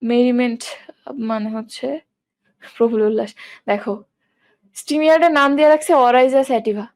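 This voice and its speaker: A woman's voice: fairly high pitch, fairly quick, darkish tone. A young woman teaching an online English class, asking questions and answering them herself as she drills word forms.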